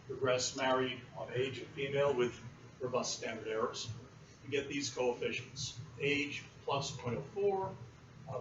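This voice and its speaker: A male university lecturer teaching a class in a relaxed, explanatory way, often pausing with fillers. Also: medium pitch. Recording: roomy, muffled, distant classroom recording with noise.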